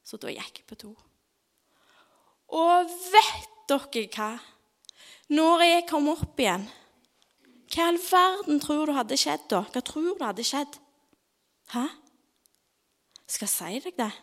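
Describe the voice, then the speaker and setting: Gravelly high-voiced woman telling a devotional story. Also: long pauses. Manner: expressive storytelling that drops into dramatic whispers; soft, half-whispered prayer. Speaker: speaker at a devotional gathering. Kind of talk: story-based devotional talk and prayer.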